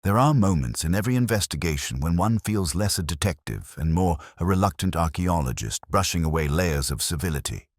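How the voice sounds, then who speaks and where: This extremely deep male voice plays a world-weary, middle-aged English detective inspector, narrating in a measured, literary, wry and reflective way. He sounds animated, his pitch swinging widely and melodically, and the recording is dry and close, suited to audio drama.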